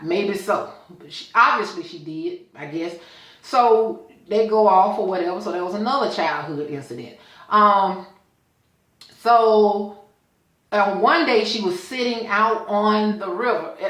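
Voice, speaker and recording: A woman's voice: medium pitch, measured pace, a bit bright, roomy sound, low-quality recording. A woman hosting a show, casually retelling an episode scene by scene and acting out its dialogue. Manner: retells scenes with quoted dialogue, checks in with "okay?". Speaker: show host reviewing a TV episode. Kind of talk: casual recap.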